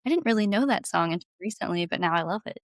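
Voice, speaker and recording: A singer-songwriter guesting on a podcast chats casually in an enthusiastic, informal way. Her mid-range voice is expressive and quick. The sound is clean studio quality with no echo.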